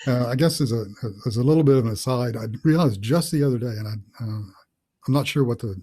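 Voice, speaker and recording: A man's voice: mid-range voice, quick pace, warm tone. A middle-aged man, an author hosting a casual interview over a video call, thinking aloud with many fillers. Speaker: author and host.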